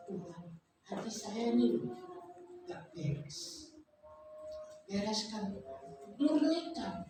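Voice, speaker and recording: Chatty woman preaching. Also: fairly high pitch. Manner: chatty, lively, frequent tag questions. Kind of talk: conversational sermon. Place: church service. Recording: very echoey, noisy church hall from far off.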